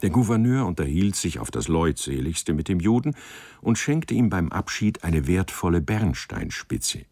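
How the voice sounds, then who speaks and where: A man reading a literary story aloud in a measured, expressive manner. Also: deep voice, dry recording. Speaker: narrator. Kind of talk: audiobook narration of a literary story.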